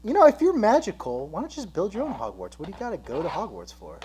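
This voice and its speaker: A man's voice: high voice, huge pitch swings, fast, a little mellow, slight background noise. A man co-hosting a casual show, joking and laughing as he builds a toy set. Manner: jokey, laughs a lot, goes off on tangents. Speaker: co-host.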